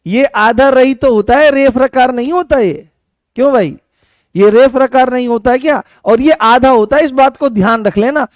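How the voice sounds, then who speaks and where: During an online exam-prep grammar lesson, a male teacher with a Rajasthani Hindi accent explains each point, repeats it, and coaxes students with questions, calling them beta and answering viewer comments by name. His voice is high for a man and his pace moderate, recorded close and dry with no echo or room sound.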